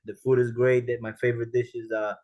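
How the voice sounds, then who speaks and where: A male podcast guest with a mid-pitched voice, talking loosely in casual chat. He laughs often and trips over his words as he restarts sentences. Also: little pitch movement, fast talker, highs cut off. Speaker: guest, film director.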